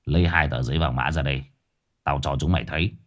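A man playing a gruff, impatient old male exorcist who talks curt and bossy. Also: quick pace. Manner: curt, bossy, low growl.

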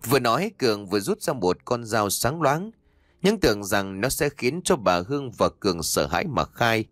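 A man narrating a scripted ghost story audiobook in an expressive, dramatic reading. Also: fairly low pitch, moderate pace, no echo, clean studio sound.

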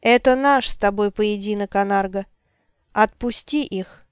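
A woman voicing a stern male wizard and grieving father, hoarse and commanding, reading an audiobook. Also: mid-range voice, unhurried, no echo, studio quality, natural voice.

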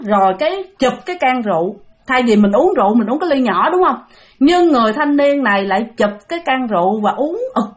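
A woman with a Southern Vietnamese accent telling a ghost story in a chatty way, speaking straight to her listeners. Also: fairly high pitch. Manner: chatty, addresses listeners directly, many fillers. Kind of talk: casual ghost story narration.

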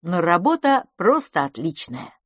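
A woman voicing a brisk, businesslike stylist. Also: on the low side, very animated, husky, no room sound, clean studio sound, full character voice. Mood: satisfied. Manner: brisk, matter-of-fact, decisive.

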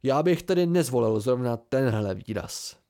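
A man's voice: medium pitch, expressive, mellow, natural voice. A man reading an amateur audiobook, voicing a dry-witted seasoned man who lectures his younger friends wryly.

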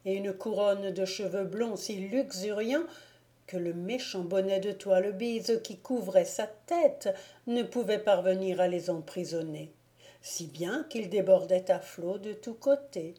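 An audiobook reader with a dark, mid-range voice narrates a classic novel in a measured storytelling style.

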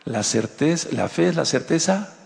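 A man's voice: on the high side, lively intonation, moderate pace, gravelly, big-room sound. A man with a Mexican accent, giving a conversational sermon as a Torah teacher and asking his listeners rhetorical questions. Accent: Mexican Spanish.

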